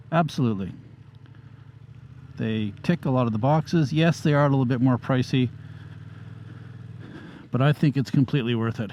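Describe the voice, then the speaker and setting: A man reviewing gear in a calm, matter-of-fact way as he rides, talking through a motorcycle helmet microphone. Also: medium pitch. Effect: talking through a motorcycle helmet microphone while riding. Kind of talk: casual review narration while riding. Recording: muffled helmet mic with faint road noise. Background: faint traffic and engine sound.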